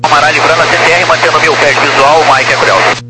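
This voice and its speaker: Quick pilot on very noisy radio. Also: male voice, on the high side, steady tone. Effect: cockpit radio transmission. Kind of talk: clipped radio readbacks. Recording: loud hum and cockpit radio noise.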